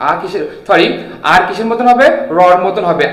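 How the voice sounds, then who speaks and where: Young man, English teacher, high-pitched, coaxing questions, echoey classroom. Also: normal speed, fairly bright tone. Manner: coaxing, quizzing students with repeated questions. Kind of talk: classroom lesson at a board. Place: classroom with a board.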